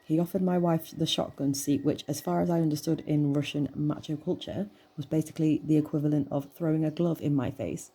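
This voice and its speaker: Low, gravelly woman narrating horror. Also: steady tone. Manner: measured, tense storytelling. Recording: soft music bed under voice.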